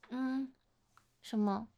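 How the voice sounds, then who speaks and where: A woman's voice: on the high side, muffled recording. A woman playing a playful older-sister type who coaxes and teases a younger man confessing to her, in a one-sided romantic role-play. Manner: coaxing, playful teasing, gentle laughter.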